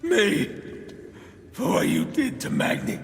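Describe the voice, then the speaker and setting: A man playing a beaten, spiteful young god in a video game cutscene, taunting in a low, menacing voice. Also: huge pitch swings, takes it slowly, heavily acted. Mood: hurt threats. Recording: echoey reverb over a music score.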